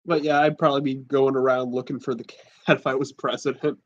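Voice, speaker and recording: A man's voice: mid-range voice, level tone, brisk. A man hosting a casual livestream chat, rambling and joking, swearing often. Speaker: podcast host. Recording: dull lo-fi stream audio.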